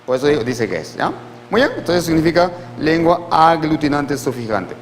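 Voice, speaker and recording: A man teaching a language class in a slow, patient way, repeating words and checking that students follow. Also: on the high side, very animated, in a large hall, slight background noise, low-quality recording. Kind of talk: classroom lecture.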